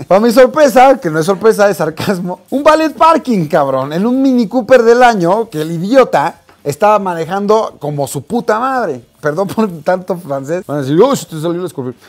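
A young man with a Mexican accent telling a personal story as a vlogger, animated and profane, acting out the dialogue. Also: sits high, moderate pace. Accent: Mexican Spanish. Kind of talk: storytelling anecdote.

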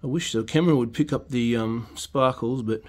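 A man's voice: medium pitch, brisk, darkish tone. A man, chatting casually on a home car restoration vlog, rambling with lots of ums and restarts, filmed on a phone held close in an open carport. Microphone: phone camera held close.

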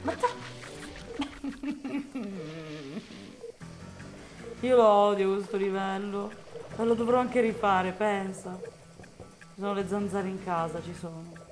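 A woman's voice: medium pitch, takes it slowly, long pauses. A woman commenting live on her gameplay, talking to the game and bursting out in frustration and swearing. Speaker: gameplay streamer. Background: game music.

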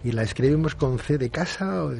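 A man with a Spain Spanish accent hosting a late-night radio interview, courteous and measured, with hesitant fillers. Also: on the high side, animated, creaky, darkish tone. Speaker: radio host.

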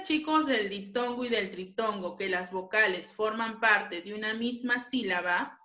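A woman's voice: fairly high pitch, pushed and bright. A woman teaching a grammar lesson to pupils, patient and repeating each point. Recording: echoey room.

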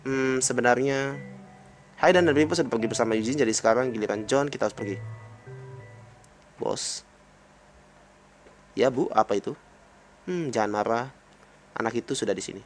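At a normal speed but with long pauses, and some slight background noise, an Indonesian man reads visual novel dialogue aloud. He doesn't change voices between characters, yet his pitch shoots up on excited lines, and he slips in relaxed remarks of his own.

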